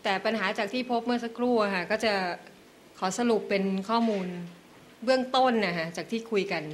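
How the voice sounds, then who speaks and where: A woman's voice: mid-range voice, a bit bright, a little hiss or hum. Polite woman lecturer explaining step by step. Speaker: invited lecturer. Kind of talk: explaining reading guidelines at a meeting.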